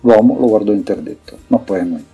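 Low husky male narrator. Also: lively intonation, a little fast, mellow. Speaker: audiobook narrator. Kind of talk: scripted fantasy narration. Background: faint music.

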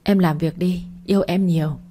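A woman reading the lines of a kind, teasing young male company chairman in a storybook, in a relaxed, playful way. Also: lowish voice, normal speed, natural voice. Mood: warm.

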